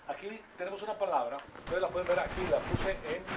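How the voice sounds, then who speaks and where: A man with a fairly high voice preaches a Bible lesson to a room of listeners, often drawing them in with questions. He builds to loud, emphatic peaks. He stands well back from the mic, and the dull lo-fi recording carries steady background noise. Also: fast, distant mic. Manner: engages the audience with questions. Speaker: Bible teacher. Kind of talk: sermon-style Bible class. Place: room with a live audience.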